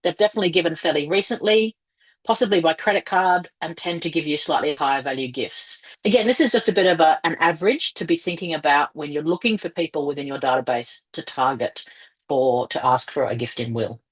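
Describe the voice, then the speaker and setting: Low-voiced woman on a choppy, breaking-up video call. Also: brisk, breathy edge, low-quality recording. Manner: explanatory, with frequent fillers. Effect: choppy, breaking-up internet call audio. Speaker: fundraising presenter. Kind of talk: online webinar presentation. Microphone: headset on a video call.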